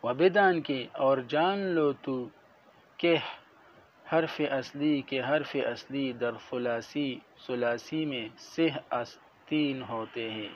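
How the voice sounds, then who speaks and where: A man teaching a classroom lecture, explaining each point methodically and repeating terms slowly. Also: medium pitch. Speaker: religious studies teacher. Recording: dull lo-fi audio with faint noise.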